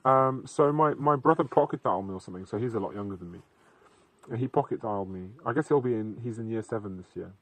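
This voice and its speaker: A man's voice: lowish voice, quick pace, rough recording. A young British man rambling casually as a podcast host, with dry humour and plenty of swearing and slang. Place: outdoors in a field at night.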